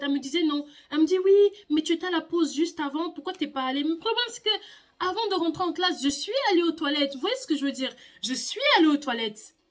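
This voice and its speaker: A young woman vlogger telling a personal story in a casual, animated way, sometimes stammering. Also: high-pitched.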